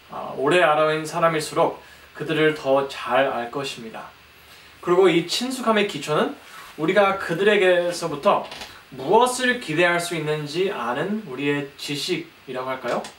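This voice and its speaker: A young man preaches from prepared notes in halting, hesitant speech with frequent pauses. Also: fairly high pitch, a bit bright. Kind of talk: sermon, reading from prepared notes. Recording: echoey room, distant mic, faint noise.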